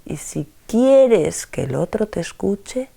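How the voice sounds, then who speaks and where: A woman teaching a spoken self-help lesson, expressive, dropping to soft whispers and rising sharply for emphasis. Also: medium pitch, slow pace, creaky, slightly rough.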